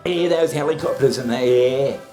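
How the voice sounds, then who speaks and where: A man's voice: medium pitch, moderate pace, dark tone. A man on a casual comic rant, blunt and sweary, full of fillers and chuckles. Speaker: commentator on the show. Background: music.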